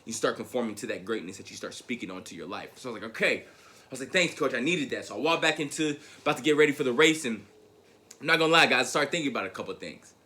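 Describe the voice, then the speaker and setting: A young man speaks to a crowd, telling his own story as a motivational speaker. His voice is bright and forceful and sits at an ordinary pitch. He talks in a lively way, repeats his words as he goes, and calls the listeners "guys". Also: racing. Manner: animated storyteller who repeats words and addresses the audience as guys. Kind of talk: motivational speech, personal storytelling.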